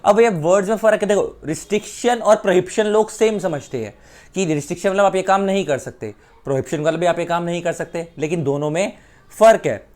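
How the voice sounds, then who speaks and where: एक भारतीय पुरुष शिक्षक, जो हिंदी और अंग्रेज़ी मिलाकर उदाहरणों के साथ कानून समझाता है।. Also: male voice, high voice, fast, a little mellow. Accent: Indian. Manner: explains with repeated examples, mixing Hindi and English. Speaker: law teacher. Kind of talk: explanatory lecture.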